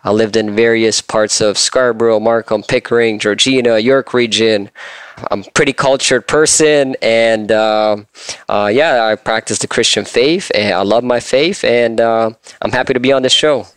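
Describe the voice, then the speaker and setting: A man's voice: medium pitch, moderate pace, a bit bright, smooth, no room sound. A man in his twenties, from Austria, speaking as a guest on a podcast, eager and rambling with restarts. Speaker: guest listener. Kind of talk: casual podcast chat.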